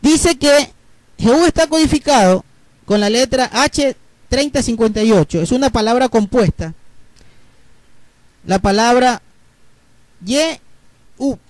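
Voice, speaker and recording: Guy preaching a bible lesson, really high voice, dry close sound. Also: darkish tone, no room sound. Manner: explains slowly, spells letters out, asks listeners ¿verdad?. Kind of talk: bible teaching sermon.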